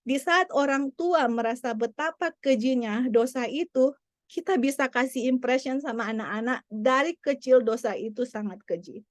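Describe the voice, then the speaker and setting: Brief: mother sharing a testimony, earnest and repetitive, fairly high voice, dry close sound. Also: moderate pace, no room sound.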